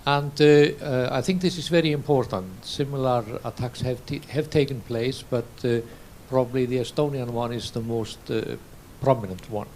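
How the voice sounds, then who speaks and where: A man from Iceland, an association president, asking a formal question from the floor at a conference, measured and with some hesitations. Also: medium pitch, darkish tone, a little hiss or hum. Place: conference room.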